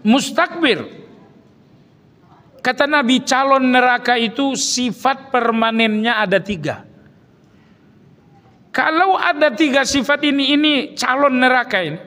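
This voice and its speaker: High, bright preacher in an echoing hall. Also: male voice. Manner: explains terms, asks the audience questions. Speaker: Islamic preacher. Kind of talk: sermon. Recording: long hall reverb.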